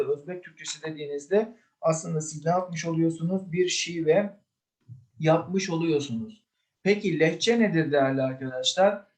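A man's voice: on the high side, a little mellow. A man teaching a literature exam review, listing terms one by one and answering his own questions.

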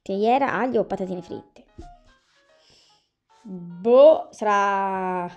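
Gravelly-voiced woman playing a game. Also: mid-range voice, very slow, a little mellow. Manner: chatty, talks to game characters and viewers. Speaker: gameplay commentator. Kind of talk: casual gameplay commentary. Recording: faint background music.

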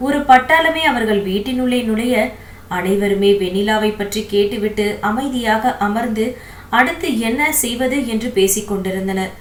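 A woman narrating an audio novel in a steady, even storytelling voice. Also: fairly high pitch. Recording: echoey room with faint hiss.

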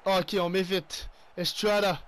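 A young man with a Québécois accent giving excitable play-by-play commentary on his own hockey video game, mixing in English exclamations. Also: high voice, slow pace, a little hiss or hum. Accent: Québécois French. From Quebec. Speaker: gaming YouTuber.

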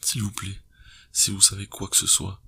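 A trembling, pleading husband with a husky, gravelly voice, pitched higher than the low reader's own, as a man puts him on. He begs in a shaky storybook tone. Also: monotone, normal speed, sharp tone, full character voice. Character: sobbing husband pleading for his missing wife.

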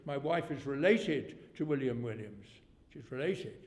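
A man's voice: mid-range voice, expressive, unhurried, a little mellow. A man in his eighties preaching a sermon in a rambling, folksy way, his volume rising suddenly to make a point. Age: 80s. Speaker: pastor. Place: church hall. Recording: long church reverb.

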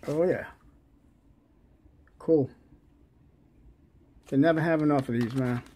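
Slow, mellow New York man unboxing. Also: on the high side, husky. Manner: slow, halting, many uh fillers, relaxed. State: unwell, lozenge in mouth. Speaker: lock-picking channel host. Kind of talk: casual unboxing chat.

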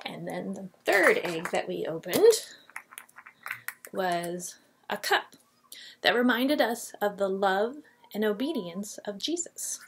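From a small, painted classroom office indoors, a woman in her forties records a children's Bible lesson on the webcam at her desk. Speaking at medium pitch, she's animated but slow, pausing often, as she tells the story with expression and reads scripture, with some background noise audible.

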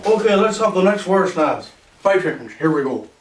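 A young man puts on a showy, bumbling game show host. His voice is fairly high and sounds roomy, with music playing behind. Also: big pitch swings, normal speed. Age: young adult. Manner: showy, rambling, catchphrase-heavy. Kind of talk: game show parody presenting. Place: small indoor room with makeshift set. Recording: echoey room, distant mic, music behind.

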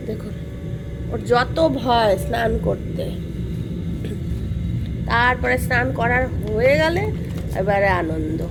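A woman's voice: high voice, background noise. A woman vlogging at home, talking casually to viewers and coaxing her dog with affectionate baby talk.

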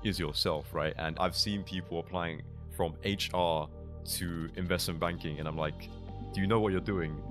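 A young man with a London accent and a low voice talks through his story as a podcast guest. He wanders, restarting words and leaning on fillers. He speaks into a boom mic in a small studio. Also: steady tone, normal speed, over music. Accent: London English. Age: young adult. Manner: loose, rambling with many restarts and fillers. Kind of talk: casual interview. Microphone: boom mic on arm.

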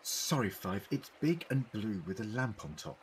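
A man playing the Doctor, animated time traveller. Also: on the low side, normal speed, husky, poor audio. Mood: pondering. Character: male alien time traveller, inquisitive, earnest, apologetic. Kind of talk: fan-made audio drama acting.

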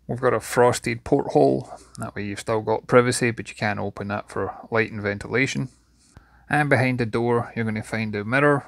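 A man's voice: medium pitch, vocal fry, a bit bright, dry recording, studio quality. A man giving an enthusiastic walkthrough tour of a yacht's cabins and engine room, recorded inside the boat. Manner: enthusiastic, descriptive. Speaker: yacht reviewer.

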